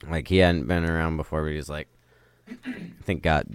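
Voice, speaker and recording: A man's voice: a bass voice, huge pitch swings, normal speed, smooth. A man running a tabletop game as game master, laid-back and casual.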